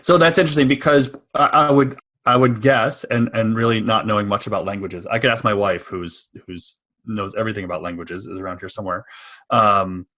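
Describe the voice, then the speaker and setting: A podcast host in his forties with a Washington DC area American accent runs a casual interview over video call from a home office, agreeable and full of short yeses. His lowish voice is steady, brisk, pushed and bright.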